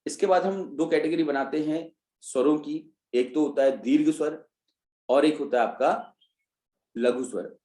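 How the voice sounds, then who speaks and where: A man's voice: on the high side, unhurried, dark tone, roomy sound. A man teaching an online revision class, explaining step by step and answering his own questions. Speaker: Hindi teacher. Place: online class, students joining remotely.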